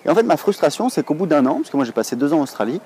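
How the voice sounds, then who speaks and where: A man's voice: a little high, expressive, rapid-fire, warm tone, slight background noise. A French man in his thirties talking casually to camera, chatty and rambling with many hesitations. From France. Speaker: online English teacher, blogger.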